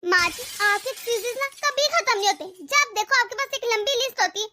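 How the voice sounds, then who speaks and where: A woman's voice: extremely high pitch, fairly quick, background noise. A woman voicing a bossy, impatient young daughter-in-law in a cartoon, scolding sharply. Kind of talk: cartoon dub voice acting.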